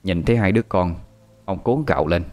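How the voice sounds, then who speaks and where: A man narrating a story in a calm, measured scripted reading. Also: sits low.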